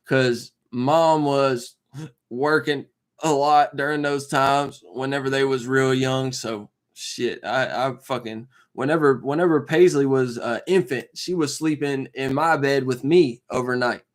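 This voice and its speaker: A man's voice: mid-range voice, unhurried. Rambling young man in his twenties. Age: 20s. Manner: rambling, slangy, full of fillers and "you know what I'm saying". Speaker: live streamer. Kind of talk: casual live-stream chat.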